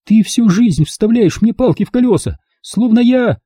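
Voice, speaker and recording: A man's voice: very high voice, big pitch swings, brisk, breathy edge, no echo, clean studio sound, voice pushed up, full character voice. A man voicing a hot-tempered young woman who lashes out defensively at her mother. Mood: angry. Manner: loud, defensive outbursts.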